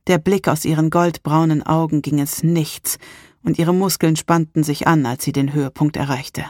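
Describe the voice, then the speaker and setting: A woman's voice: deep voice, steady tone, moderate pace, a little mellow, dry recording. Woman reading erotica, dry close sound. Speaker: audiobook narrator. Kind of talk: scripted first-person erotic narration.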